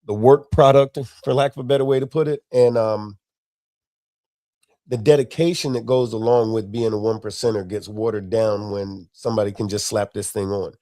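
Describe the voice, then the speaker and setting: A man's voice: lowish voice, steady tone, normal speed, mellow, no echo, studio quality. A man from Florida, co-hosting a podcast in casual chat, blunt and folksy, leaning hard on his points. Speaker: podcast co-host.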